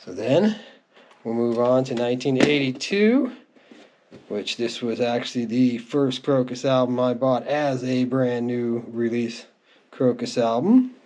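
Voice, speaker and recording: In a clearly noisy home recording full of clicks, a middle-aged man shows off his music collection, reminiscing casually and without a script as if just chatting through it. He speaks in a mid-range voice at an unhurried pace.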